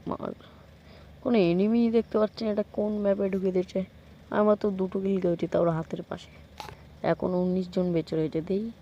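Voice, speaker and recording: A man giving live gameplay commentary, excitable, urging himself on with quick repeated commands and joking about himself to viewers. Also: high voice, muffled recording. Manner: self-mocking asides to viewers. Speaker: gameplay streamer.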